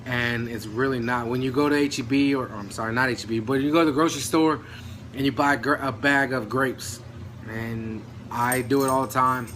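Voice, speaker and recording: A man's voice: mid-range voice, fairly even intonation, fairly quick, fairly bright tone, slight background noise. A man vlogging about diet in a loose, rambling way, full of fillers and mild swearing, a little out of breath. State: out of breath, dry throat. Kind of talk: casual rambling talk to camera.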